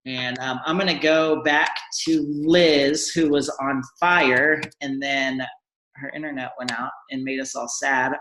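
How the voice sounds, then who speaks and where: A man's voice: mid-range voice, steady tone, a little slow, sharp tone, roomy sound, slight background noise, poor audio. A man hosting a live video panel, encouraging and rambling, with frequent restarts. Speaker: host.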